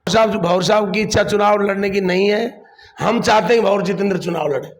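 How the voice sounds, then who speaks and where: A man's voice: high voice, fairly quick. A man, a district council chief answering a political interview defensively and repeating his points.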